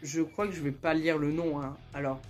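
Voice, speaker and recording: A young man retelling absurd stories in a casual, joking, slangy way, laughing often and breaking into loud squeals of outrage. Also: fairly high pitch, fairly even intonation, moderate pace, faint music behind. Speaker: YouTuber. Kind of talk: casual comedic storytelling and reading aloud.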